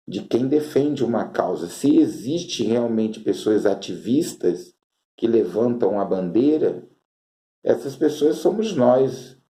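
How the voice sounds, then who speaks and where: Slow, dark-voiced Brazilian preacher. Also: male voice, medium pitch. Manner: emphatic, deliberate, repeats phrases in lists. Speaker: apostle and preacher. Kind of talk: preaching commentary on current events. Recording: roomy echo.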